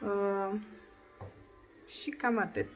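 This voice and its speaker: A woman filming a casual home vlog, talking to her toddler in coaxing, doting baby talk and signing off softly. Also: fairly even intonation, soft background music. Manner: soft, low-key sign-off. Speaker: family vlogger.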